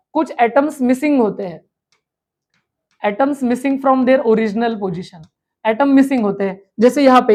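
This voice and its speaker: A woman teacher giving an exam revision lecture. She asks questions aloud and answers them herself, and she slowly repeats key terms. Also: a little high, mellow. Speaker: chemistry teacher.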